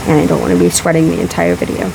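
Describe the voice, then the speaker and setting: A woman with a deep, gravelly voice and big pitch swings films a casual, emphatic rebuttal vlog to camera in response to a video. In a room in a house, over a loud running fan, she speaks in halting phrases, sounding sick, emotional, and a little out of breath.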